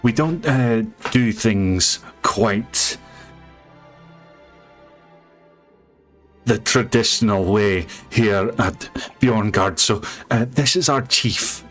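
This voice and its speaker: A man voicing an anxious, deferential female shaman in a tabletop fantasy game, speaking in a halting, apologetic way. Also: on the low side, fairly bright tone, faint music behind, voice pushed up. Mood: halting, polite. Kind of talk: tabletop fantasy role-play.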